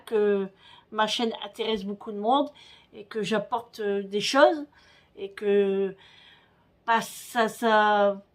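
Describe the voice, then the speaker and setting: A woman chatting casually at home in her kitchen, rambling with lots of fillers and restarts. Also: a little high. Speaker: vlogger. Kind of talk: casual home vlog chat.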